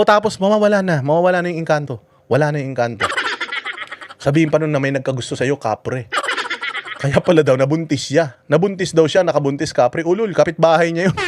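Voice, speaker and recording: Man, crude jokey ranting, lively swinging pitch, slightly high, noisy background. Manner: crude, mocking, jokey, switches into voices for anecdotes. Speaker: host of a political commentary livestream. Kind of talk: casual ranting commentary.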